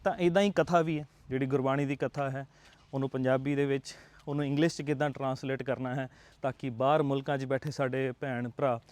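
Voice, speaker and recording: A man's voice: mid-range voice, fairly even intonation, fast, darkish tone, dry recording. A young man with a Punjabi accent, an IELTS tutor giving earnest, coaxing advice to camera. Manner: earnest, coaxing, checks in with rhetorical tags. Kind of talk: motivational talk to camera.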